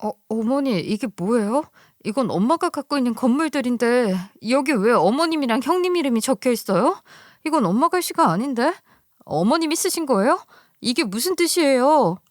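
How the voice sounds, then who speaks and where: A woman's voice: high-pitched, animated, moderate pace, dry recording, clean studio sound. Woman playing an indignant grieving daughter-in-law. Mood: bewildered. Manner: shocked, protesting, emphatic questions. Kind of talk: storybook radio drama.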